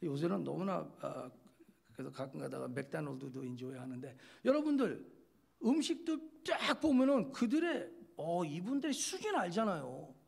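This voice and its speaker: A man's voice: on the high side, very animated, moderate pace, gravelly, breathy edge. A male pastor giving a chatty, joking sermon, speaking straight to his listeners and acting out little quoted scenes.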